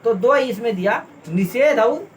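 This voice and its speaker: A man's voice: very high-pitched, animated, measured pace, muffled recording, slight background noise. A man teaching a class, listing terms one by one and asking his students again and again whether they understood. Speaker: Sanskrit teacher. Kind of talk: classroom lesson, explaining a text.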